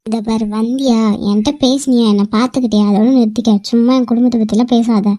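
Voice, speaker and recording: A woman's voice: a little high, fairly even intonation, quick pace, warm tone, no echo, clean studio sound, natural voice. A woman voicing a stubborn young wife standing up for her family in an amateur cartoon. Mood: defiant. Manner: firm, defiant.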